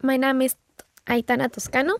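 Young woman, Ecuadorian Spanish accent, native Spanish, earnest, slightly high, gravelly edges. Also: flat delivery, fairly quick, over music. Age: young adult, about 19. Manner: earnest, conversational learner German. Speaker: German learner in a portrait interview. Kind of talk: personal portrait answers.

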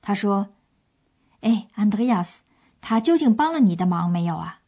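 A woman's voice: mid-range voice, expressive, normal speed, mellow, breathy edge. A woman presenting a language course with scripted, explanatory storytelling narration.

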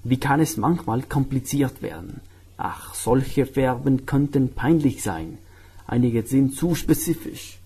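A man's voice: mid-range voice, warm tone, husky. A young man from Guatemala with a Spanish accent, talking carefully about himself in learner German and making grammar slips as he goes. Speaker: medical student, German learner. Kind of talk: personal portrait monologue.

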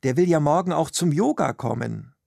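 A man's voice: fairly high pitch, expressive, moderate pace, gravelly, warm tone, no echo, studio quality. A man reading a nervous, evasive wife. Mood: uneasy. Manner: hesitant, tense. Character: anxious wife hiding a secret.

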